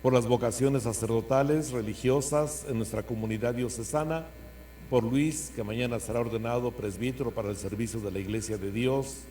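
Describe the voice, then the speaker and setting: A male priest leads Mass in a middle-pitched voice, with solemn, measured phrasing as he preaches and prays. The recording carries a noticeable hum. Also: warm tone. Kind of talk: homily and liturgical prayer to a congregation. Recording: noisy church recording with mains hum.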